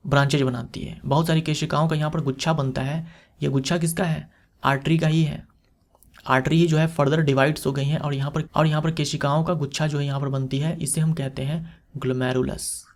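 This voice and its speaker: A man giving an exam-prep lecture, explaining step by step, repeating key terms and asking rhetorical questions. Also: on the high side. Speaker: teacher.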